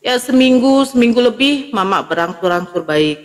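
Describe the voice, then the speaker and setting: A woman's voice: a little high, expressive, moderate pace, in a large hall. A woman giving a personal testimony, retelling events vividly and acting out her family's words. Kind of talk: emotional personal storytelling.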